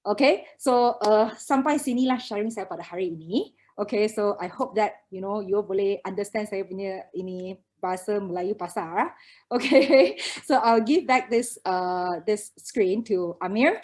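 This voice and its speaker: A preschool educator with a Malaysian accent gives an informal conference talk as a guest speaker, blending Malay with English and dotting her points with short checking words. Her voice is medium-pitched, measured and slightly mellow.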